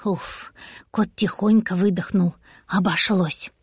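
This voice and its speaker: A woman reading a children's audiobook with lively expression. Her voice is a little high, and the recording is dry and close. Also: normal speed, dry recording. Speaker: narrator. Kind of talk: audiobook narration.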